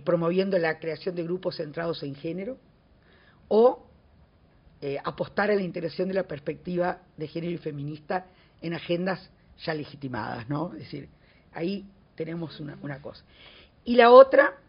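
A woman's voice: lowish voice, slightly rough, lo-fi sound. A woman speaking reflectively at a conference as an academic, often checking in with short questioning tags. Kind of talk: conference talk.

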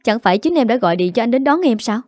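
A sleazy hired man whines and pleads as he feigns innocence, voiced by a woman narrator in a storybook drama. The voice has a mellow tone and a dry, close sound. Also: fairly high pitch, lively intonation, fast, no room sound, close to an everyday voice. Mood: whining.

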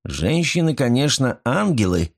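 A man's voice: mid-range voice, very animated, a little slow, creaky, voice pushed up, heavily acted. Man doing a mocking young rake. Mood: teasing. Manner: teasing, lightly ironic.

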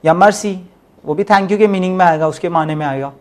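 A male language teacher runs a patient classroom drill, saying each syllable clearly and slowly for the learner to repeat. He explains his points in a relaxed mix of Urdu and English. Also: sits high. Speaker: Farsi teacher. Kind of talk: language lesson.

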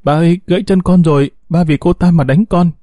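Man doing a shrill spoiled young woman. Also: fairly even intonation, a little fast, mellow, no echo, studio quality, close to an everyday voice. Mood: wailing. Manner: shrill and screaming. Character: spoiled hysterical young woman, wailing daughter.

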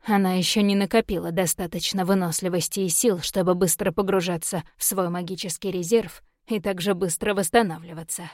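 A commanding male fae prince of fire from a storybook, curt and used to giving orders, as a woman reads him aloud. He speaks in a crisp, dry voice with short, clipped commands. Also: fairly low pitch, fairly even intonation, a little fast, few pauses, darkish tone, no room sound, natural voice.

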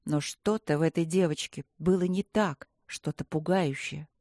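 Woman reading a fantasy audiobook, lowish voice, dry close mic. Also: moderate pace, a little mellow, dry recording. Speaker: narrator. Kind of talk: scripted narration of a fantasy story.

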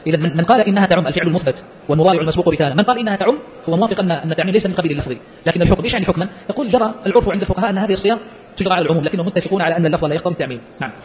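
A man teaching Islamic legal theory, explaining a text and quizzing his listeners with quick rhetorical questions. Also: high-pitched, highs cut off, slight background noise.

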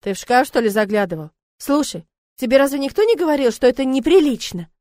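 A woman reading the part of a brisk, sharp-tongued woman economist who scolds in a tart way. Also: on the high side, lively intonation, dry recording, studio quality, close to an everyday voice. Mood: scolding. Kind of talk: audiobook character voice.

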